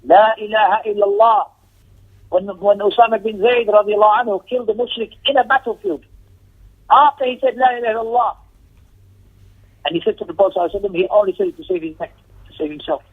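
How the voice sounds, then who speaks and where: This high-pitched male voice moves quickly with fairly even intonation, pausing often, with a breathy edge. He is a religious teacher giving an emphatic Islamic lecture with commentary on a text, using repeated phrases, rhetorical questions and passages of Arabic recitation. The recording sounds narrow and tinny, like a phone call.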